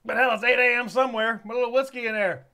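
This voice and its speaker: Man, very high voice, smooth and clear, folksy rambling reaction chat. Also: steady tone, rapid-fire, sharp tone. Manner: folksy, rambling, easygoing talk. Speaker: music reaction channel host. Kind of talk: casual reaction commentary.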